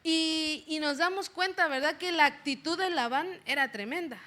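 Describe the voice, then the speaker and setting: High, bright-voiced woman preaching. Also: moderate pace. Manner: chatty, tags sentences with a questioning "right?", quizzes the congregation. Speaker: lay preacher. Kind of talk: conversational sermon. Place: church service.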